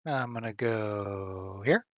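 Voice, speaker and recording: A man's voice: fairly low pitch, takes it slowly, dry recording, lo-fi sound. A man chatting casually as a player in a tabletop game.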